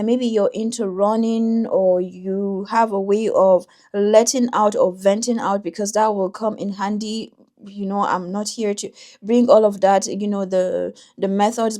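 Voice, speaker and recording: Woman giving a mellow tarot reading. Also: medium pitch. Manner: thoughtful, intuitive, with frequent restarts and pauses. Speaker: tarot reader.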